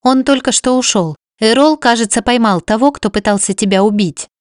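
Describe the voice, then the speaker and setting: A woman's voice: fairly high pitch, fairly quick, no room sound, studio quality, close to an everyday voice. A woman voicing an anxious, caring young servant girl who speaks in a worried, pleading way.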